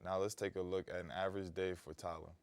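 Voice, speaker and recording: A man's voice: deep voice, little pitch movement, fast. A man presenting a student feature in scripted narration. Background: faint music.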